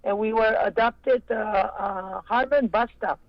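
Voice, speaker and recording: A woman's voice: fairly high pitch, no echo. Cheerful Korean-accented woman on a phone line. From South Korea. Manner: cheerful, laughs often, halting grammar. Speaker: guest, community volunteer. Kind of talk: casual radio chat.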